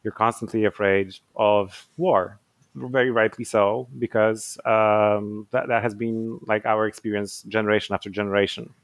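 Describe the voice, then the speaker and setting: A man's voice: fairly low pitch, little pitch movement, moderate pace, no room sound. A man, an author giving thoughtful interview answers, hesitant with many fillers and restarts. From Poland. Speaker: author guest.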